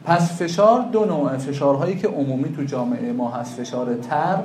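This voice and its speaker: A man's voice: mid-range voice, darkish tone, roomy sound. A man teaching a class on traditional medicine, lecturing animatedly and asking his students questions that he answers himself.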